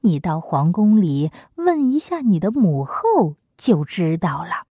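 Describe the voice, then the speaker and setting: A woman voicing a brash, clever male monkey king in a lowered, quick, coaxing voice. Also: sing-song, dark tone, slightly rough, dry recording, clean studio sound, full character voice. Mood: hushed.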